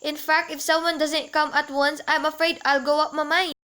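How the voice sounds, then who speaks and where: A teenage girl plays a nervous invalid woman, bedridden and alone, who talks in a high, bright voice. She is fretful and insistent, and her demands keep spilling over into panic. It is a school radio play. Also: flat delivery, moderate pace. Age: teens. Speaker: student actor.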